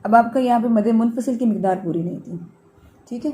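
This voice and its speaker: Mellow-voiced woman teaching Quran recitation. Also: a little high, a little hiss or hum. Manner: explains mistakes then models words in slow, drawn-out recitation; patient, corrective, checks with "okay?". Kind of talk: online class correcting students' recitation.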